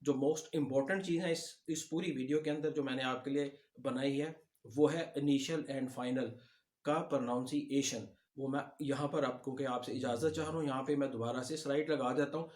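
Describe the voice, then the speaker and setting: A man with a Pakistani Urdu accent walks viewers through a slide-based language lesson. He sits at a middle pitch and explains patiently, reassuring as he goes. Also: fairly even intonation, normal speed, darkish tone. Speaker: language teacher.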